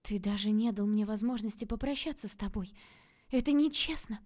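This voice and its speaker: A woman's voice: mid-range voice, fairly quick, warm tone, close to an everyday voice. A woman reading the part of a hurt young woman, strained and close to tears. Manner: strained, tearful intensity.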